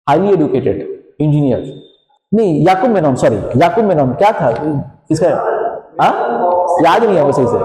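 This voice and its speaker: A man teaches a class, explaining in a mellow voice that sits a little high. He keeps asking questions back to the students and checking they follow. The sound is roomy, with a long reverb trailing off the walls. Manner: explains in Hinglish with frequent "theek hai" check-ins and rhetorical questions. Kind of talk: classroom lecture.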